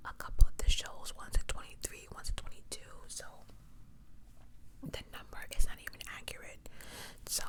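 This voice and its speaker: A woman hosts a true-crime ASMR video, whispering in a casual, chatty way, often correcting herself and tossing in opinionated asides.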